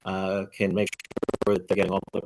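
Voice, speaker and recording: A man speaking on a video call whose audio keeps breaking up, halting and restarting mid-phrase as a panelist in a webinar discussion. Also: deep voice, monotone, very noisy. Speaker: trade association panelist.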